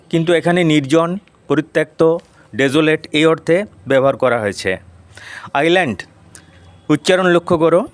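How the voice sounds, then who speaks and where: A man with a Bengali accent teaching an English lesson, reading English lines slowly, then explaining them in Bengali and spelling out words for pronunciation. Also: on the high side, no room sound. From West Bengal, India.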